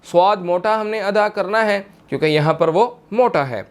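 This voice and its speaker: A young man with a Pakistani Urdu accent teaches Quran recitation, patiently explaining and repeating words slowly to model their pronunciation, with slow melodic recitation between explanations. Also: sits high, smooth. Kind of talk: tajweed lesson, explaining and demonstrating.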